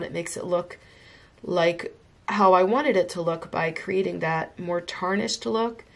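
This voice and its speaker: Working at her home craft desk, an art tutorial host with a lowish voice and vocal fry talks eagerly through a coloring lesson as she draws. She sounds a bit congested from being sick but stays chatty.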